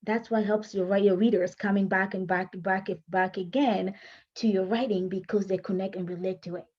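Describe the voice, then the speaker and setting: This writing coach, a native French speaker, teaches casually to camera, chatting, self-correcting, and laughing between points. She has a mid-range voice with fairly even intonation and a moderate pace, heard through a muffled recording.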